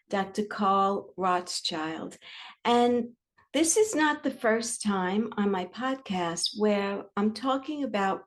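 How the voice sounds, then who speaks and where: Slow-talking woman in her sixties hosting. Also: mid-range voice. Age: 60s. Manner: chatty and candid, slow and unhurried. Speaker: podcast host. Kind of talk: podcast intro monologue.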